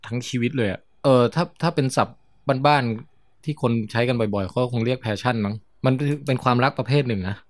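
A man chatting casually on a podcast, playful and joking. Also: medium pitch. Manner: playful, joking, fast-talking. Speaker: podcast guest.

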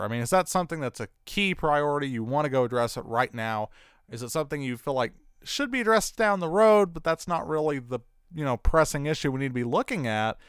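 A man hosting a radio interview, asking long, measured, multi-part questions. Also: medium pitch, fairly bright tone, clear, resonant tone, no echo, studio quality. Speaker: talk show host.

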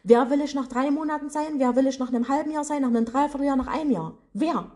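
A woman with a regional German dialect and a fairly high voice gives a motivational coaching monologue for a podcast. She talks in a colloquial, blunt way and speaks straight to the listener. She is talking from her office. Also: quick pace, a little mellow. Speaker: business and mindset coach.

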